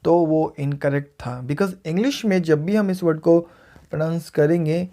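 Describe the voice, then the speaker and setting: A man teaching pronunciation in a relaxed video lesson speaks with an Indian English accent and a mellow, fairly high-pitched voice. For his learners, he says each word slowly and clearly several times.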